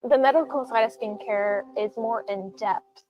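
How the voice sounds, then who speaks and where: A woman's voice: fairly high pitch, moderate pace, muffled recording. A woman speaking in her own business ad, explaining her skincare treatments in a friendly way. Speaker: esthetician in an ad. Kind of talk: scripted business ad.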